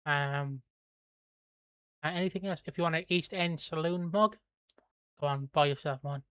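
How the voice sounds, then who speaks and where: An Irish host from Kildare, Ireland, chats casually on a livestream, rambling, swearing and laughing as he reads viewer comments, and plugs merch in a breezy, offhand way. The voice is mid-range at normal speed, a bit bright, clear and resonant, with no echo.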